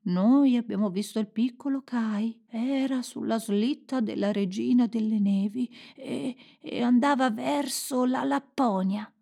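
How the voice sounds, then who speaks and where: A woman voicing a small dove in a storybook, soft and cooing. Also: a little high, a little slow, gravelly, few pauses.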